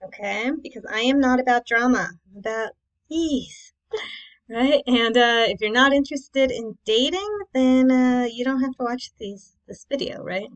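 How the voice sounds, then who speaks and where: A woman with a slightly high voice talks at normal speed, though the recording sounds muffled. She's a dating coach and class host giving a casual instructional presentation to camera, chatting informally with rhetorical questions and frequent check-ins with her audience.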